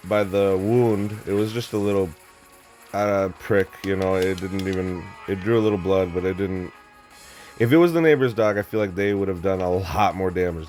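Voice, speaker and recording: A man's voice: sits low, steady tone, normal speed, darkish tone, faint music behind. A young man telling a story in a rambling, blunt and profane monologue, full of restarts and fillers. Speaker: vlogger.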